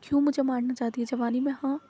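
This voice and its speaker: A feisty young college girl who scolds her friend with mock offence, as a woman narrator puts her on. The voice is mellow and a little husky, pitched slightly high. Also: flat delivery, quick pace. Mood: scolding.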